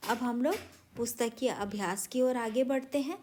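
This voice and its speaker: A woman's voice: a little high, moderate pace, a little mellow. A woman teaching a Hindi grammar lesson to young children, patiently spelling out words and correcting sentences. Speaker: primary school Hindi teacher. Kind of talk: recorded classroom lesson for children.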